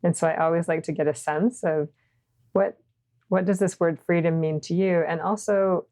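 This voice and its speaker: A woman's voice: on the low side, fairly even intonation, moderate pace, dark tone. A woman hosting an interview podcast, affirming and encouraging as she asks her guest questions. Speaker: podcast host. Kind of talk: casual interview conversation.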